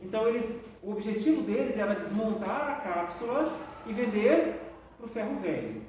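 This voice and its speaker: A woman's voice: a little high, very animated, normal speed, darkish tone. Woman teacher in an echoey room. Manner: explains patiently, often checks with "tá?". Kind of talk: classroom lesson. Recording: echoey room, distant mic, faint noise.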